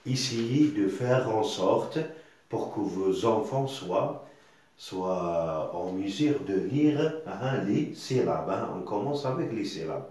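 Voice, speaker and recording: Male teacher, slow and low-voiced, patient and repetitive, recorded in a very echoey room. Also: animated, a little mellow. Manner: repetitive, patient, sounds out syllables slowly with tags like hein. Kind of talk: spoken reading lesson.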